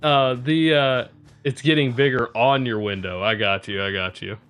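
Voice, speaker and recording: A young man talks casually to his live-stream viewers, rambling through stories and cursing freely. His voice is bright, forward and crisp, and he laughs easily between remarks. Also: mid-range voice, fairly even intonation, moderate pace, faint music behind. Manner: rambling, profane, laughs often.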